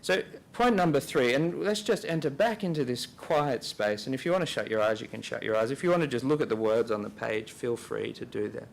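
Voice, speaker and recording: A man at a church briefing day gives a slow, calm reflective talk and leads listeners through a quiet guided prayer. He pauses between phrases, and his voice sits at an ordinary middle pitch. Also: gravelly. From Australia.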